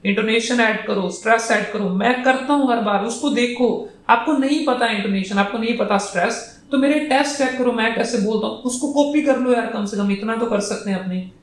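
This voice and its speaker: A man's voice: extremely high pitch, normal speed, echoey room. A man coaching students for a speaking exam, blunt and scolding, mixing English phrases into his Hindi. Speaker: PTE speaking trainer.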